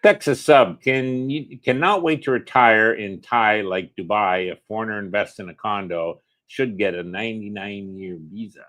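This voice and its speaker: A man's voice: lowish voice, normal speed, few pauses, fairly bright tone. A man co-hosting a casual livestream, reading out viewer comments in a chatty, offhand way with lots of fillers.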